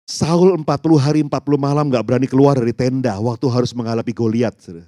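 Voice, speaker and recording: A man's voice: medium pitch, fast, no room sound, studio quality. A man, telling stories animatedly and calling the congregation "saudara". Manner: animated storytelling, acting out voices, addressing the congregation as "saudara". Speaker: pastor. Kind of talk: sermon.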